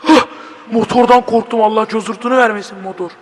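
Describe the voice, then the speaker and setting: Young male gameplay host, Turkish accent, high-pitched, joking and cursing, reverb-heavy recording. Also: fairly even intonation, fairly quick, slight background noise. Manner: swearing, joking, bursts of panicked shouting. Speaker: gaming video host. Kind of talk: horror game let's play commentary.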